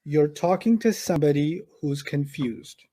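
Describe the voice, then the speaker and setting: A man patiently teaching Arabic grammar one-on-one, repeating key points and acting out quick example arguments. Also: on the high side, warm tone.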